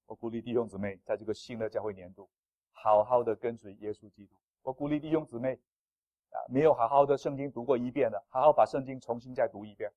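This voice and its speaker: A male pastor preaching a sermon in an animated, playful way, with self-deprecating humor. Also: mid-range voice, fast talker, no echo, highs cut off.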